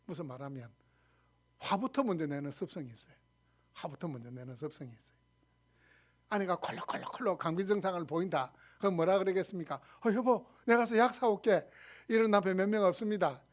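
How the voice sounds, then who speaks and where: A pastor from Korea's Gyeongsang region preaches an animated sermon in his local accent, posing questions to the congregation and answering them himself while acting out shouted quarrels in dialect. His voice sits high and he talks quickly.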